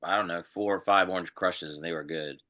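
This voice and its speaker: A man chatting casually on a podcast with a bright, forceful voice. He stops and restarts often and lets his sentences trail off. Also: deep voice, steady tone, fairly quick. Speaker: podcast co-host. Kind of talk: casual chat.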